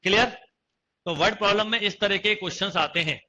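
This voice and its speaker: A man's voice: high-pitched, fast talker, bright, forceful tone. A young man teaching a maths class to students, often quizzing them and repeating key phrases. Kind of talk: online coaching class lecture. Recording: dull lo-fi class recording.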